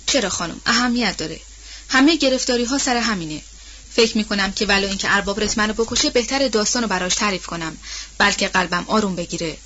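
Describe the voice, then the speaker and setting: A troubled old house servant, voiced by a woman narrator at a middling pitch. She talks plainly and colloquially, full of guilt, in an audiobook. The audio is a little dull and lo-fi. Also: pushed and bright. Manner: plain-spoken, colloquial storytelling. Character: older female house servant, anxious and guilt-ridden.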